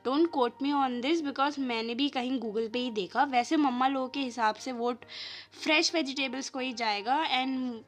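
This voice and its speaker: Higher-pitched Indian woman podcaster with a cold. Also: very fast, faint music behind. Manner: informal, addresses listeners directly with questions. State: has a cough and cold. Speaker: podcast host. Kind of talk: chatty scripted podcast narration.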